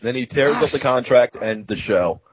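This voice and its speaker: A man's voice: medium pitch, lively intonation, moderate pace, muffled recording. A man co-hosting a podcast, eagerly jumping in with his take in casual chat. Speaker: podcast co-host. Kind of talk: casual chat recapping wrestling.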